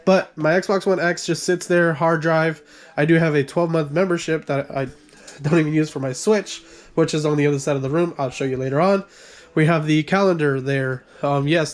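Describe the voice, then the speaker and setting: A man giving a casual tour of his gaming room, rambling and correcting himself as he goes, coughing now and then and short of breath. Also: on the high side. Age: adult with a son. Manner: rambling, self-correcting, apologetic. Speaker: gaming channel creator.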